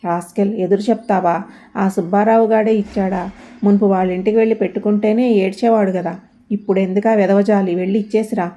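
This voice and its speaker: A woman voicing a bitter, angry young man stuck in bed, who snaps and shouts at his family. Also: mid-range voice, steady tone, a little fast, highs cut off, natural voice. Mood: bitter, shouting. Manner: snapping, shouting.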